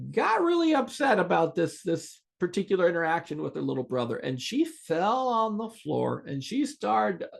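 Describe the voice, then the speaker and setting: A middle-aged man with a slightly high voice and a gravelly edge hosts a podcast. He tells a personal story and teaches from it, earnest and animated, often restarting his sentences. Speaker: podcast host.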